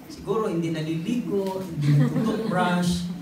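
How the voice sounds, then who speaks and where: A man's voice: high voice, moderate pace, background noise. A man with a Filipino accent preaching a sermon, teaching in a mix of Tagalog and English with light jokes along the way. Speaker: lay preacher. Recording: echoey room, distant mic.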